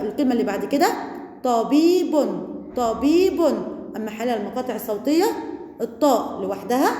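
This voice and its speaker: Woman, Egyptian Arabic accent, primary teacher, high pitch, slow stretched syllables, roomy echo, long reverb. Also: mellow. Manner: slow, drawn-out syllables for children to repeat. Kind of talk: recorded first-grade reading lesson. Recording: echoey room with long reverb.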